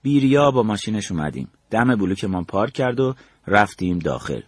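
A man's voice: fairly low pitch, very animated, no room sound, clean studio sound. An older man from Iran recounting his memories as a storyteller, acting out the dialogue he quotes. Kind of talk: spoken memoir narration.

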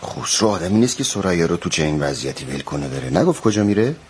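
A man's voice: low-pitched, very animated, gravelly, a little mellow, slight background noise, exaggerated voice. An actor playing a concerned male friend in a radio drama, asking short probing questions.

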